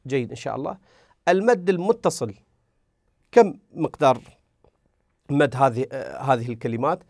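A man teaching tajweed, asking his students questions, answering them himself, and stretching example words out slowly. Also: mid-range voice, animated, creaky, a little mellow, no room sound, studio quality. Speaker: Quran recitation teacher. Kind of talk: tajweed lesson explaining the rules.

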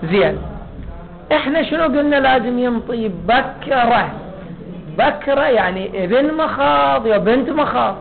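A man with an Iraqi Arabic accent giving a seminary lecture on a legal text, putting questions to the class, answering them himself, and stretching out key words. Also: sits high. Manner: drawn-out stress on key words. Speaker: religious law teacher. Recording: tinny phone-like lecture recording.

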